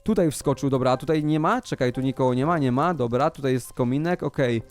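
A man hosting a gaming channel, giving excitable game commentary, gasping and shouting as he plays and talks to his pet dog. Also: medium pitch, fast talker, soft background music.

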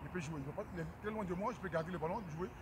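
Male youth football coach, high voice, clipped repetitive commands, recorded outdoors on a pitch with heavy background noise. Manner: short rapid commands, repeated cues. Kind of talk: on-field training instructions.

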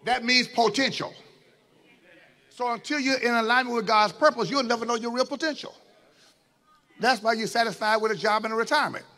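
Preacher man, piercing bright tone, drops low then shouts back at the congregation. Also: a little fast, pauses often. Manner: call-and-response preaching, swinging from low asides to shouts. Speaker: bishop preaching. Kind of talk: sermon.

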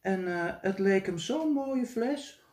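A man voicing a lively young girl in a storybook reading, chatty and hurried. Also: high voice, voice pushed up. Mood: excited. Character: lively young girl, a fairy-tale daughter. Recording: echoey room.

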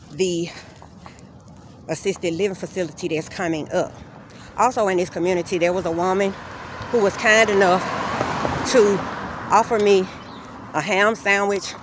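On a walking vlog through city streets, a woman with a low-pitched voice recounts her grievances in a personal account, earnest and steady. She films on a phone camera held as she walks, picking up faint outdoor street noise.

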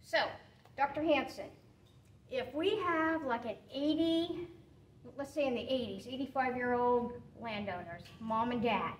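A middle-aged woman extension agent hosting an interview in a plain, friendly, slightly halting way, seated in a small indoor studio room. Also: fairly high pitch. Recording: roomy, slightly distant, faint hiss.

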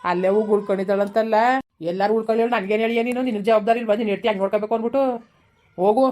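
A woman's voice: medium pitch, fairly even intonation, dark tone, lightly acted. A woman voicing a remorseful, whining village husband and father in a comedy skit. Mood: scolding. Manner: whining, pleading, quick-tempered.

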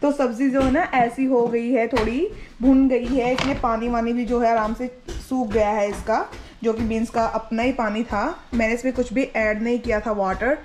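A woman's voice: fairly high pitch, fairly even intonation, moderate pace, a little mellow, a little hiss or hum, poor audio. A young woman from India chattily explaining each step as she cooks in her home kitchen, talking to her viewers. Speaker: home cooking vlogger and mother. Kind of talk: casual cooking vlog narration to viewers. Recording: kitchen sizzle and stirring sounds.

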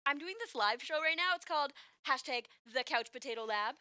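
A woman's voice: high voice, animated, fairly quick, pushed and bright. A woman co-hosting a playful science live stream, upbeat and giggly as she explains experiments. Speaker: science show co-host.

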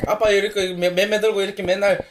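A man's voice: sits high, level tone, fast, a little hiss or hum. A man in his thirties, a father scolding his young child at home in a stern, firm, questioning way. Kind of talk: casual home video.

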